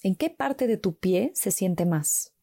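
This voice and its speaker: A woman slowly guiding a mindfulness walk with calm, gentle instructions and long pauses. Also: medium pitch, breathy edge, dry recording, clean studio sound. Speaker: meditation guide.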